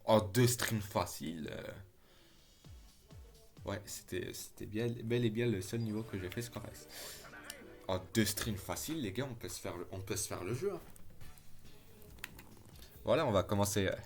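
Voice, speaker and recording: A man with a lowish voice streams a video game, talking at a moderate pace with long pauses while soft music plays behind him. He chats casually and excitably with his viewers, calls them "les gars," and swears when the game frustrates him, all in easygoing gameplay commentary.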